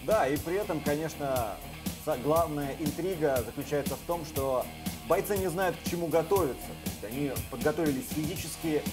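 Male co-commentator for live fights, slightly high pitch, music clearly underneath. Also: brisk. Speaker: sports commentator.

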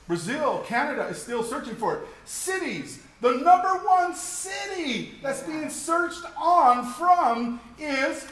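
A man in his forties giving an energetic keynote-style seminar talk to an audience in a meeting room, with emphatic delivery and many rhetorical questions, on a lapel mic. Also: very high-pitched. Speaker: keynote speaker.

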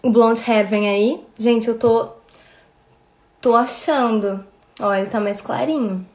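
A woman's voice: on the high side, steady tone, slow pace. A woman in her thirties with a Brazilian accent, chatting casually on a livestream and thanking viewers by name. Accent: Brazilian Portuguese. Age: 30s. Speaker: livestream host.

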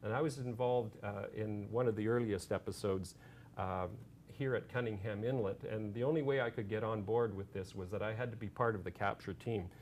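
A man's voice: on the low side, a little hiss or hum. A man giving a public talk as an author, telling a field anecdote with lots of fillers and restarts, from Canada. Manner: halting anecdote, many fillers, gets animated and loud retelling shouts.

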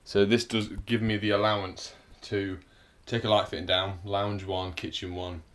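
Inside a house he's rewiring, a man explains his electrical work in a chatty, dry vlog. His voice sits on the low side with a slightly bright tone, and his delivery is flat at a moderate pace. He gets out of breath occasionally.

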